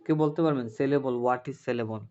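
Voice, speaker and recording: A man's voice: medium pitch, warm tone. Man teaching a grammar class. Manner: drills word lists slowly, checks in often with the class. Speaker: English teacher. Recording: muffled lo-fi classroom recording.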